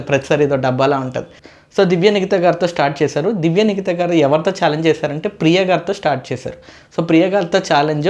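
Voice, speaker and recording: A man's voice: on the high side, a little mellow. A man giving a casual, opinionated episode review as a show reviewer, chatty and mixing in English phrases.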